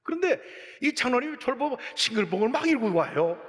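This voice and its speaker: Pastor guy preaching, swings loud to quiet, echoey church sound. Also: extremely high pitch, fast talker. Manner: animated storytelling with swings between loud outbursts and hushed asides. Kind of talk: sermon.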